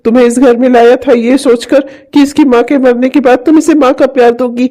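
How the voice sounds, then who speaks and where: A woman voicing a gentle, soft-hearted middle-aged father in a cartoon who pleads with his wife. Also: high-pitched, steady tone, fairly quick, lightly acted. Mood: gentle pleading. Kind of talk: cartoon voice acting.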